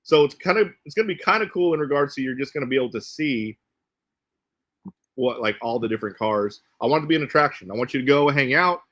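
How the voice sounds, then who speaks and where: A man's voice: mid-range voice, animated, fast, fairly bright tone. A man hosting a casual livestream, talking to viewers in a rambling way and often restating his phrases. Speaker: host of an RC car channel. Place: indoors in a cluttered warehouse.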